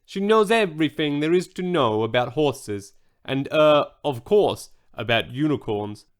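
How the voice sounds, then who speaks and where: A man's voice: a little high, animated, a little slow. A man voicing a young girl who puts on a phony Russian accent to pose as a rich heiress in a storybook. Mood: playacting. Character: schoolgirl faking a Russian heiress.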